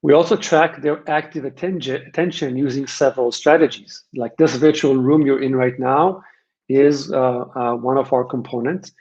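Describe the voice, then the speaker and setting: A man's voice: medium pitch, steady tone, moderate pace, darkish tone. A man with an Israeli accent giving a conversational webinar presentation, explaining his points emphatically and repeating phrases to drive them home. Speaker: webinar presenter from a software vendor. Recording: dull, band-limited webinar audio.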